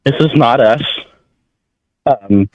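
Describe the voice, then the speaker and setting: A man speaks as a public commenter, earnest and halting, at a fairly slow pace. His pitch is average for a man. The sound is dull, radio-like and free of room echo. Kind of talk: public testimony. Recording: muffled, radio-like audio.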